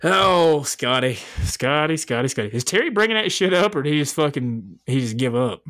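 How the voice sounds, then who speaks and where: A man's voice: fairly high pitch, animated, normal speed, fairly bright tone. Slangy, swearing man co-hosting a podcast. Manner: slangy, jokey, swears freely. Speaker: podcast co-host. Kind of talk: casual, profane banter.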